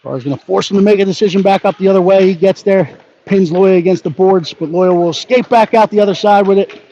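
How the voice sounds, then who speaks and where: A man giving brisk live hockey play-by-play, narrating each pass and leaning toward the home team. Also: high-pitched, dark tone. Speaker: play-by-play announcer. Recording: dull lo-fi audio with faint background noise.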